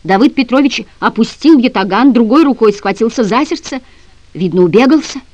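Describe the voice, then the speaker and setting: A woman narrating an audiobook dramatically, with sharp swings between loud and hushed passages. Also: fairly high pitch, lively intonation, a little fast, no echo. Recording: dry, slightly dull audio.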